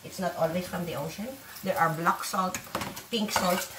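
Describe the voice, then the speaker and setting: A Filipino woman, a native Waray speaker with a Filipino accent, talks at a moderate pace in a lowish voice while cooking for a casual home vlog. She rambles bluntly and swears freely, recorded from afar in an echoey kitchen with loud sizzling and background noise.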